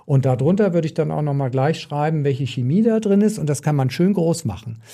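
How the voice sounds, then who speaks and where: A man's voice: on the high side, fairly quick, warm tone. A man explaining as an expert in podcast conversation, emphatic and opinionated, repeating points for stress. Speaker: nutrition doctor, podcast expert.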